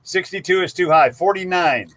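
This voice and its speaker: A man's voice: high voice, normal speed, a bit bright. A man co-hosting a casual live stream, folksy and chatty, rattling off viewer guesses. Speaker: livestream co-host.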